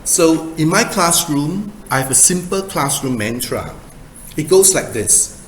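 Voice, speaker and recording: A man in his fifties from Singapore, giving an academic presentation in a measured, emphatic way with rhetorical questions. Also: a little high, expressive. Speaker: guest speaker, doctoral researcher. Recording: echoey room with faint noise.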